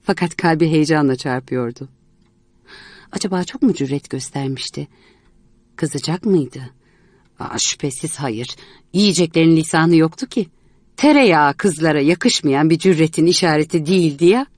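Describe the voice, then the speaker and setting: Expressive woman reading a story. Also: low-pitched, normal speed, no room sound. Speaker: narrator.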